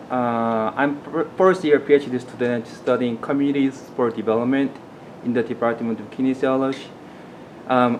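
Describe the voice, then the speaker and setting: A man's voice: medium pitch, poor audio. Young man, hesitant workshop intro, faint hum behind. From South Korea. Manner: hesitant, halting with fillers. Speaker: doctoral student. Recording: faint background noise.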